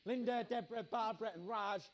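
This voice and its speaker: An actor playing a brash, bossy middle-aged male TV producer, with a loud, blunt, commanding way of talking. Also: high-pitched, a little fast, a crowd in the background, lightly acted. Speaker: television producer. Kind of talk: live-action game acting.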